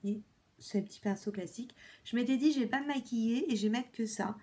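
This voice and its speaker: A woman vlogger chatting casually through a makeup product review, repeating words often and filling pauses with many fillers. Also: on the high side, darkish tone. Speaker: beauty vlogger.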